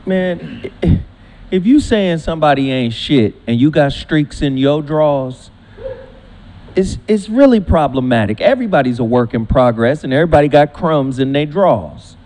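A man's voice: a little high, lively intonation, normal speed, darkish tone. A man co-hosting a casual podcast chat, crude and joking. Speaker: co-host.

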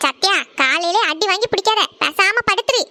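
A woman voicing a scolding village mother of two daughters, loud. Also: very high voice, lively intonation, normal speed, no echo, full character voice. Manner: loud, scolding, rural Tamil speech.

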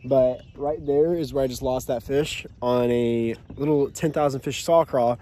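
A young man hosting a fishing vlog from a small boat on a lake, chattering excitedly into an action camera. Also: medium pitch, a little slow. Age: young adult. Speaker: fishing channel host. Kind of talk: casual outdoor fishing vlog. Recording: outdoor boat audio with faint noise.

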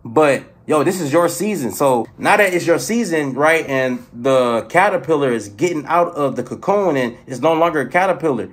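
Excitable man vlogger, husky and high-pitched, preaches and swears at viewers. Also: normal speed, few pauses. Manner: profane, preachy, addresses viewers directly; excitable, jumps between loud outbursts and low murmurs. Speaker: spiritual motivational vlogger. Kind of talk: casual motivational rant.

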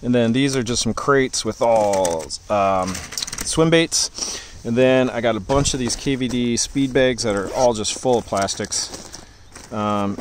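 A man giving a relaxed, rambling walkthrough tour of his boat outdoors, talking with many fillers into a handheld camera. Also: medium pitch, noisy background. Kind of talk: casual walkthrough vlog.

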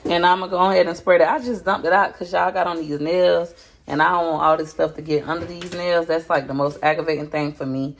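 Talking fast in a fairly low, creaky voice with fairly even intonation, a cooking vlogger films a casual video in her home kitchen. She stirs a pot and chats folksily with her viewers, presenting herself as Peach Patch.

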